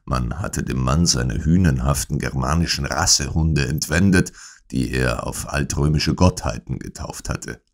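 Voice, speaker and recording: A man narrating an audiobook in first person, in a measured, dry storytelling manner. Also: rumbling low, creaky.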